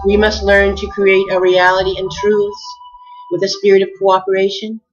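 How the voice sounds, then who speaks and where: A woman giving an earnest, heartfelt spiritual message, measured and addressing her listeners warmly as beloveds. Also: mid-range voice, level tone. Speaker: spiritual speaker. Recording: dull lo-fi recording with faint music.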